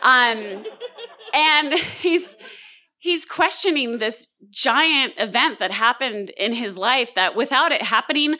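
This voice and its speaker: A woman's voice: a little high, bright, forceful tone. A woman in her thirties from Southern California, telling a true story on stage in a candid, self-deprecating way with frequent fillers. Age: 30s. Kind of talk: live true-story monologue.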